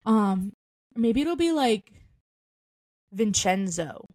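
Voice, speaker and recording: A woman's voice: medium pitch, big pitch swings, extremely slow, dry recording. A woman co-hosting a chat podcast in a playful, teasing way, often bursting into disbelief. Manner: playful, teasing, loudly incredulous. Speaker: podcast co-host. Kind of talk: casual chat.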